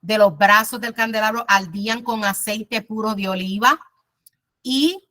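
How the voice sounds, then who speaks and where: Woman, Bible class teacher, conversational storytelling, talks to listeners, mid-pitched voice. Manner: warm storytelling, addresses listeners directly, frequent "eh" pauses.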